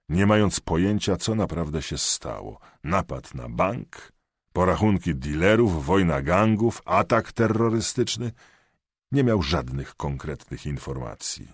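Man narrating thriller audiobook, very deep voice, husky, lively intonation, dry close sound. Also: no room sound. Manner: measured, expressive reading.

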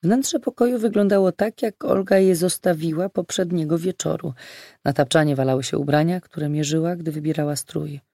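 An audiobook narrator reading a thriller in a steady, measured way. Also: mid-range voice, gravelly, dry recording, studio quality. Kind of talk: scripted narration.

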